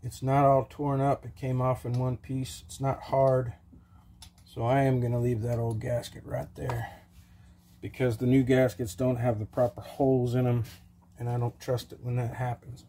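Man, middle-aged, mellow voice, plain practical how-to talk, home workshop, close camera mic. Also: mid-range voice, flat delivery, moderate pace, a little hiss or hum. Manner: plain, practical step-by-step explaining with frequent "okay"s. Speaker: small-engine repair host. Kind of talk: casual how-to narration while working. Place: home workshop bench, open to the outdoors.

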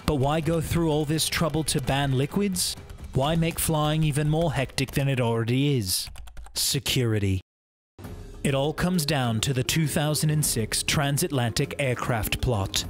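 A man reading a scripted explainer narration in a brisk, even manner. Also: on the high side. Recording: faint music bed behind voice.

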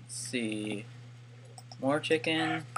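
A man's voice: fairly high pitch, drawn-out words, noisy background. Wry rambling gamer guy. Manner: rambling, self-correcting, wry asides. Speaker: gaming YouTuber. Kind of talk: casual gameplay commentary.

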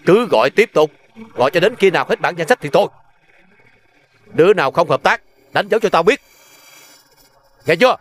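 A scheming gang boss. His voice sits a little high for a man, and his orders come out gruff and cool. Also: expressive, a little fast, pauses often. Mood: commanding. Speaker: gang leader. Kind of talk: crime drama acting.

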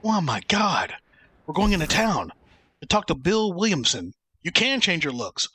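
Joking, animated Texan streamer man. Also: sits high, normal speed, husky. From Texas. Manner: chatty, joking, reads chat aloud. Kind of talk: live game stream chat.

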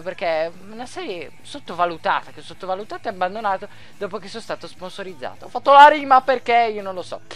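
A man giving casual gameplay commentary, rambling and joking, making rhymes and breaking into sudden excited yells. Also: high voice. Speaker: gaming video host.

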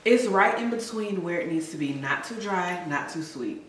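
A woman's voice: moderate pace, far from the mic, slight background noise. A woman in her thirties chatting playfully on a home cooking vlog. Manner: chatty and playful, lively pitch. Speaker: co-host cooking. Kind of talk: casual cooking vlog chat. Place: home kitchen, indoors. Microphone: camera mic from a few feet away. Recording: echoey kitchen, off the mic, soft music.

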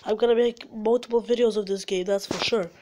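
Recording through the phone's own mic, a woman with a medium-pitched, steady voice narrates her mobile gameplay at a fairly quick pace. She's sick and congested, and when the game glitches she yells at it and swears in frustration.

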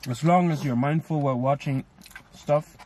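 A man's voice: fairly high pitch, normal speed, dark tone, slight background noise. A man co-hosting a food vlog, musing at length in a loose, thoughtful way with lots of fillers. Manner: thoughtful, rambling, many fillers. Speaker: co-host. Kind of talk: casual chat while eating.

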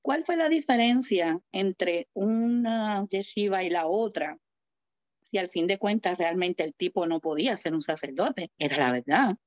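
A woman's voice: mid-range voice, unhurried, dry recording, dull audio. A woman preaching a sermon and acting out the voices of the people in her stories. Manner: animated storytelling, acting out quoted voices.

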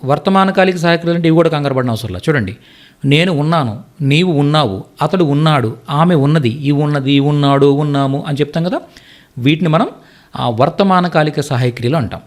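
A man teaching a Hindi lesson, explaining slowly and repeating each word for learners. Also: fairly high pitch, expressive. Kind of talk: spoken language lesson.

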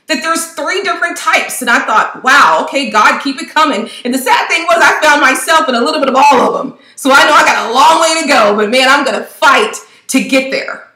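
Woman, high bright voice, fervent devotional vlog preaching, echoey room. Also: fairly quick. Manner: fervent, preachy, rhetorical questions. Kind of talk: impassioned devotional talk to camera.

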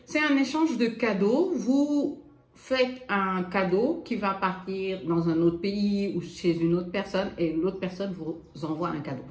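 A woman from Senegal chatting excitedly to viewers in a casual unboxing vlog, dropping in English phrases, with a slight lisp. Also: medium pitch. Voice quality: slight lisp from dental appliance. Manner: excitable, exclaiming, addresses viewers directly; drops English phrases into speech. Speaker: vlogger showing a gift swap parcel. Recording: roomy echo, faint noise.

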